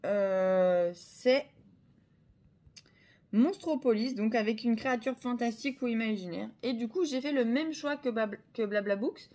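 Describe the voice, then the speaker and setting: A woman's voice: fairly high pitch, a little mellow. Chatty French woman full of fillers. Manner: chatty, hesitant, many fillers and self-corrections. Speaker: book vlogger. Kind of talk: casual chat.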